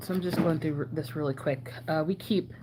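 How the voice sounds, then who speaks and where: A woman chatting casually and haltingly as a channel host, her throat sore and swollen-sounding, often needing clearing. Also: deep voice. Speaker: trading card channel host. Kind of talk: casual chat while sorting cards. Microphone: phone camera. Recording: noticeable background noise.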